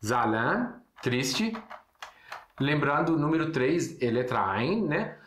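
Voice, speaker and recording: A man's voice: on the high side, sing-song, slow, a bit bright, slight background noise. Man teaching in a roomy echo. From Syria. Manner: patient, repeats words and checks in with "né?". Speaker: Arabic teacher. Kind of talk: casual language lesson.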